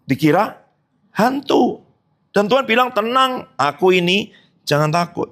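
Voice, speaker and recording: A man preaching a sermon as pastor, asking the congregation rhetorical questions and slipping in casual joking asides. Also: a little slow. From Indonesia. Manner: animated preaching with sudden high emphatic jumps and rhetorical questions.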